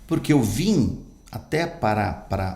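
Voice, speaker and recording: A man's voice: fairly low pitch, lively intonation, unhurried, creaky, a little mellow, reverberant. A man, an actor and pastor telling his life story in an emphatic, earnest way as a podcast guest. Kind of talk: personal storytelling in an interview.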